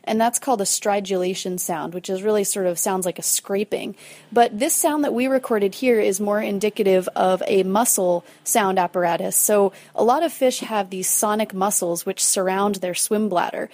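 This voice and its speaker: A woman scientist giving measured, explanatory answers in an interview. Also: mid-range voice, darkish tone. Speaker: marine scientist.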